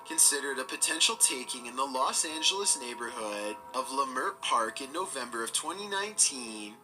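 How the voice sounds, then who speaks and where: A man giving scripted narration for a countdown video, in a steady, measured storytelling delivery. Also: medium pitch, rough recording.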